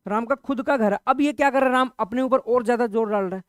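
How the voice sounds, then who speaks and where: A man's voice: very high-pitched, fairly bright tone, clear, resonant tone, dry recording, clean studio sound. A man teaching a Hindi grammar lesson for exam preparation, explaining patiently and checking in with his students after nearly every point. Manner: conversational, repeats examples slowly. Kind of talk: exam-prep grammar lecture.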